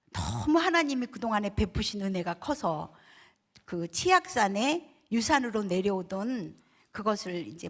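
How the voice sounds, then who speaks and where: An older woman recounts a personal testimony in an animated storytelling way. She acts out the voices of the people in her story. Her voice sits fairly high. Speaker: pastor's wife telling a testimony.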